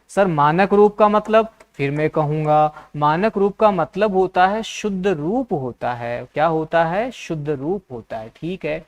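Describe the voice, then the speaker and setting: Guy teaching an exam class, slightly high voice, asks himself the students' questions and answers them. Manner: answers his own imagined student questions, repeats key terms. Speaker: Hindi teacher. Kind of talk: exam-prep lecture.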